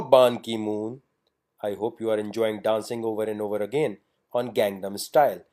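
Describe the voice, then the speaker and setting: A man's voice: fairly low pitch, warm tone. A man narrating a scripted voice-over in a defiant, provocative way.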